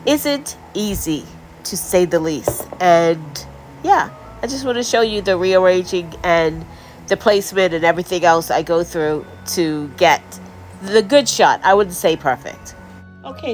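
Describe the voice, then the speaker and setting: A woman vlogging casually as she tastes her baking, chatty and prone to fillers and trailing off. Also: mid-range voice. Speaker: homesteading vlogger. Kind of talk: casual cooking vlog.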